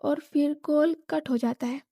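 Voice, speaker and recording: A woman's voice: high voice, steady tone, measured pace, dark tone, no room sound, clean studio sound. A woman narrating a scripted story plainly and evenly.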